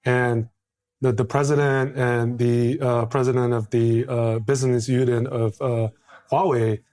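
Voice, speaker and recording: A man co-hosts a casual roundtable talk. He leans hard on the words he wants to stress and pauses with hesitations in between. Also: mid-range voice, little pitch movement, a little mellow. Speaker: podcast co-host.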